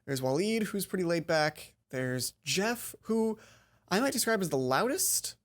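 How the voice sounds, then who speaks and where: Here a let's play host, a woman with a lowish voice and lively intonation, works unhurriedly through a visual novel game. She stumbles on the written text and interrupts herself with casual, exasperated remarks.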